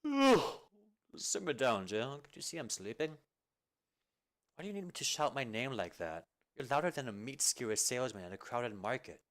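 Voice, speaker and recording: A man's voice: medium pitch, sing-song, normal speed, a bit bright. A man voicing a lazy, sleepy veteran male captain with a drowsy, dry grumble. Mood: grumpy. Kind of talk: amateur video game fan dub.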